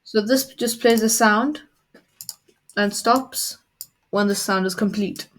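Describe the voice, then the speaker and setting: A woman as a coding tutor, explaining a software tool step by step in a screen-recorded tutorial. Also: medium pitch, slow pace, background noise.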